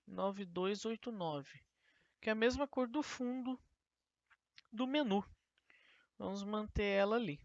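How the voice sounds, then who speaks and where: Woman teacher in a gravelly, dry tutorial. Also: medium pitch, a little slow, pauses often, no room sound. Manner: explains step by step, asking and answering her own questions. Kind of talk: screen-recorded coding tutorial. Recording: dull, lo-fi dry screen recording.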